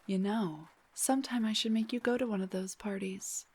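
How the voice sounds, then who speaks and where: A woman voices a teasing, playful young rock singer for an intimate audio roleplay drama, keeping her delivery breathy, soft and frequently near a whisper. Her husky voice sits at medium pitch with a steady tone, and the acting is light.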